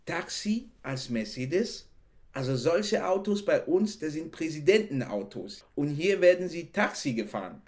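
A man whose voice is a little high speaks a little slowly as a guest on a casual interview podcast. He's from Cameroon, German isn't his native language, and he's animated, laughing often and repeating "genau" and "ne."

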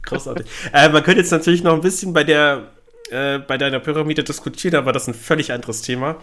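A man co-hosting a casual podcast discussion, explaining in a measured way with some restarts. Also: fairly high pitch, fairly bright tone, a little hiss or hum. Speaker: podcast co-host.

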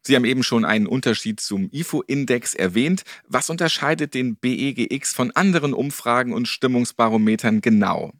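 A man hosting a podcast, presenting clearly and asking interview questions at a trade fair venue. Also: mid-range voice, lively intonation, brisk, hardly any pauses, no room sound, clean studio sound. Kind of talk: moderated reporting and interview questions.

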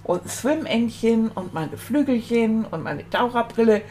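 A woman plays a small, earnest boy rat telling children about being homesick, in a soft and sincere voice. He talks at an unhurried, drawn-out pace, lingering over each thought as if sharing a secret. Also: on the high side, lively intonation, a little hiss or hum. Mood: wistful. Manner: slow, confiding storytelling to children. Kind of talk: children's puppet storytelling.

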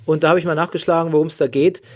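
A man with a slightly high voice hosts a casual podcast chat. He rambles and jokes, stretching out his hesitations as he recaps. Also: steady tone, very fast. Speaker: podcast host.

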